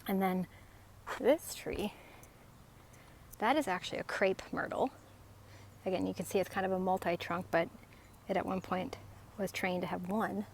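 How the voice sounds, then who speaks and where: A woman talking casually as she walks outside, explaining things in short, halting, conversational phrases. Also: mid-range voice, steady tone. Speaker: host of an outdoor tree identification vlog. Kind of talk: casual talk to camera while out walking. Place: outdoors along a residential street on a walk. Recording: faint outdoor background noise.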